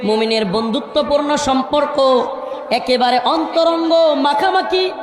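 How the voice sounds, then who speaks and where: A man preaching a sermon from a crowded stage, pleading with and scolding the crowd to stay quiet, sometimes slipping into slow chanted recitation of scripture. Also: very high-pitched. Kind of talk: sermon at a crowded religious gathering. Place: crowded stage at a large outdoor gathering. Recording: echoing reverb over a murmuring crowd.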